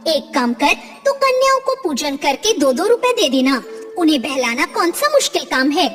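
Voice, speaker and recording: A woman voicing a stingy, sharp-tongued older mother-in-law who scolds in a shrill, grudging way, in a storybook narration. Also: big pitch swings, normal speed. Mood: scolding. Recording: long reverb, faint music behind.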